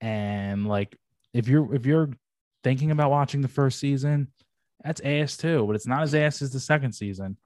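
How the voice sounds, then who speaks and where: An animated young man co-hosts a casual podcast, tossing out slang and the odd curse as he talks. His voice sits at an ordinary male pitch and is recorded dry, with no room sound around it. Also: normal speed, no echo. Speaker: podcast co-host. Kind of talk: casual chat reviewing anime.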